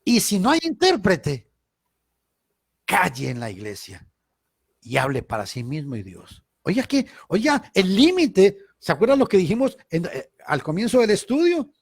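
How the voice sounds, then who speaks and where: A man leads a Bible study like a sermon, with a fairly high voice that leaps up and down. He stresses key words loudly, then drops into quiet asides. The sound is dry and close. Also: huge pitch swings, normal speed, creaky, slightly rough, dry recording. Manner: emphatic, swings between loud stress and quiet asides. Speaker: Bible teacher.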